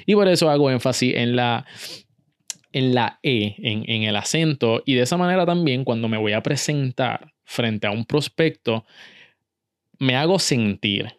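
A man hosting a solo podcast, upbeat and energetic as he talks straight to his listeners. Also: medium pitch, unhurried, clean tone, no room sound, clean studio sound. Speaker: podcast host.

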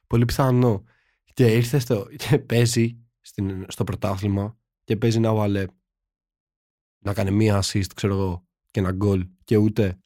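A young man co-hosting a casual podcast chat, joking and animated, full of slang. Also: fairly low pitch, dry recording, clean studio sound. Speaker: podcast co-host.

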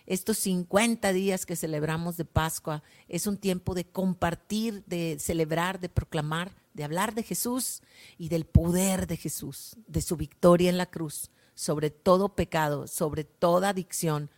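A woman gives a slow, prayerful gospel reflection as a worship leader, often softening to a hush at the ends of lines. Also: fairly low pitch.

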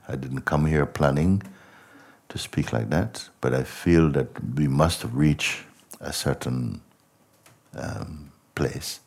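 Very deep, breathy, slow-talking man. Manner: slow and reflective, asking many rhetorical questions, often trailing off softly. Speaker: spiritual teacher. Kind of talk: contemplative spiritual talk.

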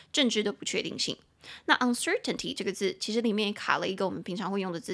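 A young adult woman hosting an English lesson podcast in Mandarin. She spells words out slowly and chats with playful asides. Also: fairly bright tone. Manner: chatty, with playful high-pitched asides. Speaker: English teacher and podcast host. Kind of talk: bilingual vocabulary lesson podcast.

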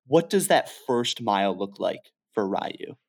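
A man's voice: lowish voice, lively intonation, measured pace. A man hosting an interview, asking questions in a conversational way. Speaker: podcast host.

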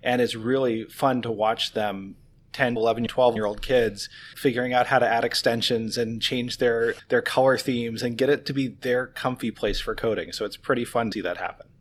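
A man's voice: medium pitch, fairly even intonation, moderate pace. A man hosting a podcast about teaching, talking conversationally as a coder who teaches. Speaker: podcast host, coding teacher.

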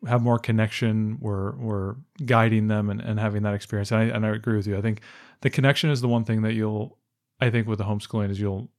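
A man with a fairly low voice co-hosts a relaxed podcast chat. He rambles along with lots of restarts and filler words, never quite rushing. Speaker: podcast co-host. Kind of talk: casual chat.

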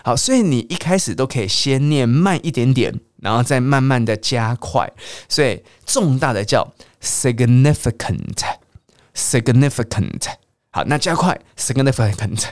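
Lively man drilling English words. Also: mid-range voice, no room sound, clean studio sound. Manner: drills words slowly and repeats them; asks listeners to repeat aloud. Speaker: English teacher. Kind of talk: radio English lesson.

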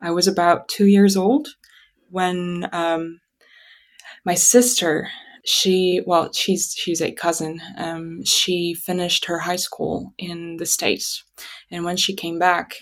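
Woman with a lower-pitched voice, reflecting aloud. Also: level tone. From Kazakhstan. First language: Russian. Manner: halting, reflective, thinking aloud. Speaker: interview guest. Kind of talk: conversational personal storytelling.

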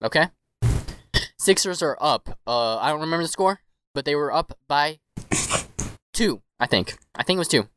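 A man's voice: on the high side, animated, normal speed, pauses often, a bit bright, slight background noise. A man hosting a sports podcast, running a quiz in a playful, rambling way with many fillers. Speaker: podcast host. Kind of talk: casual quiz chat.

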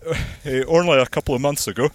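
A man, a farmer explaining his land in a measured, practical way while walking outdoors and slightly out of breath. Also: on the high side, no echo. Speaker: farmer and landowner. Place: outdoors on a hillside plantation.

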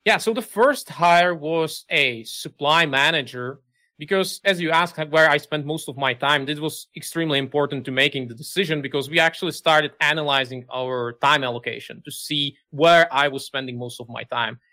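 Bright-voiced man. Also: on the high side, moderate pace. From Czech Republic. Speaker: guest, business owner. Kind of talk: interview answers.

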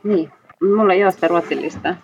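A woman co-hosting a podcast, chatting casually over a remote call from indoors, replying in a relaxed, dry way. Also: lowish voice, creaky, slight background noise. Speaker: podcast co-host. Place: indoors, a public venue with staff cleaning nearby. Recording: muffled lo-fi remote line.

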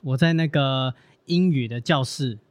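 A man, telling a story on a podcast in a relaxed, self-mocking way. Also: medium pitch, unhurried. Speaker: podcast co-host. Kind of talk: casual storytelling.

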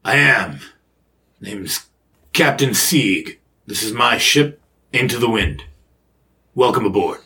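Curt, evasive ship captain with a lowish voice, read by a game master. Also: male voice, animated, slow pace, pauses often, pushed and bright, exaggerated voice. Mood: guarded. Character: calm, guarded male ship captain. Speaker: game master voicing a character.

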